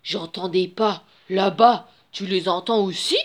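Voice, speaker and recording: A woman voicing a big, clumsy male monster while reading a picture book aloud, in a slow, wondering manner. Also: mid-range voice, lightly acted.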